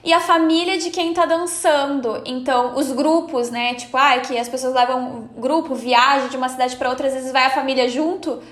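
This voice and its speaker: A woman's voice: sits high, steady tone, fairly bright tone. A woman podcast host, chatting casually and agreeing often. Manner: chatty, agreeable, quick affirmations. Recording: echoey room.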